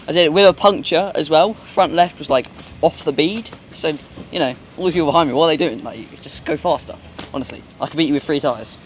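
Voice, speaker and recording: A man's voice: a little high, fast, slight background noise. A teenage boy co-hosting a karting vlog, joking and bragging in a cheeky, mock-posh way. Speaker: kart racer and co-host. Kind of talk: casual trackside vlog banter.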